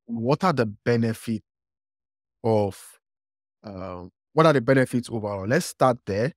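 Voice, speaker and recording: Recorded dry in a clean studio, this male podcast host speaks at a moderate pace with a medium-pitched voice. He keeps the interview talk upbeat and casual, using filler words while posing his questions.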